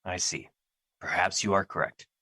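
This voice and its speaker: Audio drama: male actor as an ancient embodiment of fear, grandiose and troubled, forceful edge, dry recording. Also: low-pitched, fairly even intonation, moderate pace, slightly rough, no echo, exaggerated voice. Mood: regretful, earnest. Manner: formal, grandiose, theatrical.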